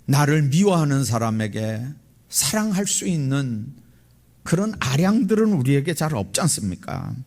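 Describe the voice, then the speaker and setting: A man's voice: very animated, normal speed, darkish tone. A man who is a pastor, preaching a sermon in a church with impassioned swells and emotional emphasis. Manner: impassioned preaching with big swells in pitch and volume. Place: church sanctuary.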